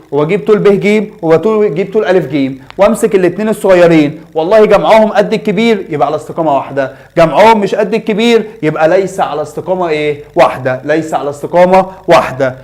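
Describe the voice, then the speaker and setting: A man's voice: on the high side, very fast, few pauses, darkish tone. A young man with an Egyptian Arabic accent teaching a math lesson in a chatty way, asking his students questions and answering them himself.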